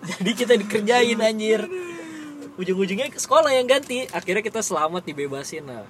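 A man's voice: high voice, animated, a little fast, background noise. A young man with telling a school story in casual chat, laughing often and acting out the voices of the people he quotes.

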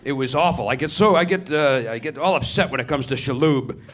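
A man with a medium-pitched voice speaks fairly quickly while hosting a live comedy show in a theatre. As a comedy podcast host, he trades stand-up banter with the audience, tossing out sarcastic and profane asides about the crowd.

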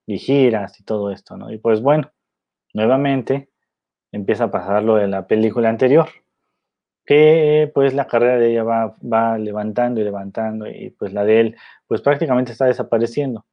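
A man's voice: lowish voice, moderate pace. Man, casual film commentary, rambling, lots of fillers, dull lo-fi sound. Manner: rambling, heavy on fillers and tag questions. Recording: dull lo-fi recording.

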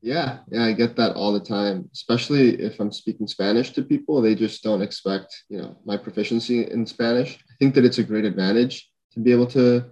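A man's voice: lowish voice, fairly quick, few pauses, a little mellow, rough recording. Thoughtful young man with many fillers. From Honduras. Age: young adult. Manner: thoughtful, lots of fillers and restarts. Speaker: podcast guest. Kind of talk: casual conversation.

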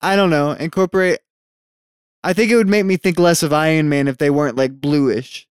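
A man's voice: a little high, normal speed, smooth, dry recording, studio quality. A young man chatting casually about a movie, hesitant and stuttering, with frequent restarts. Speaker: movie watch-along co-host. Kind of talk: casual chat.

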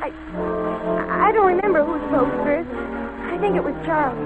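On an old radio broadcast with music underneath, a young American woman plays a nervous, lovestruck teenage girl in a 1940s drama, confessing her feelings in a hesitant, earnest way. Her voice is extremely high at a normal pace, and the audio is narrow and tinny.

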